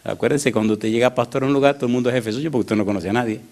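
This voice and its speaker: A man's voice: mid-range voice, rapid-fire, a little mellow. A male pastor preaching to his congregation in a conversational style. He asks them questions directly and moves easily into telling stories. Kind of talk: sermon.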